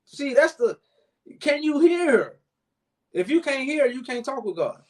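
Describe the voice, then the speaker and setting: A man's voice: very high voice, big pitch swings, measured pace. A man hosting a live chat, preaching and explaining at length, calling the listener "brother man". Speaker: host.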